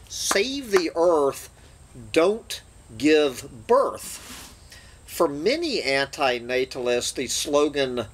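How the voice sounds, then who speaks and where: A man hosting his channel, reading an essay aloud with dry, sardonic asides between passages. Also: medium pitch. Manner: slow, deliberate reading with sardonic asides and throat-clearing.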